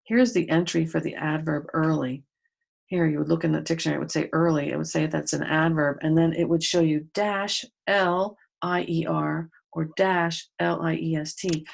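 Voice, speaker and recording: A woman's voice: low voice, gravelly, husky. A woman teaching a grade school grammar lesson to pupils at home, patiently explaining step by step and spelling out letters.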